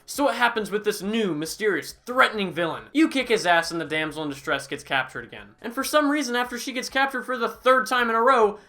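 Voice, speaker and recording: A sarcastic game reviewer delivers a comedic voice-over in a bright, forceful voice. He mocks throughout and keeps erupting into loud, high-pitched outbursts.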